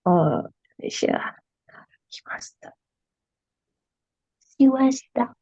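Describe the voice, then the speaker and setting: A woman's voice: on the high side, sing-song, slow, warm tone, no echo, muffled recording. A woman taking part in an online class as a student, hesitantly repeating words after her tutor. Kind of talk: casual class participation.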